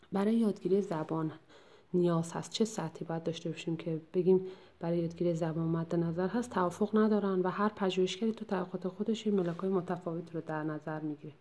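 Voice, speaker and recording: A woman lectures her way through a textbook chapter in a low, mellow voice. Her delivery is measured and explanatory, with frequent filler pauses and restarts as she searches for the right phrasing.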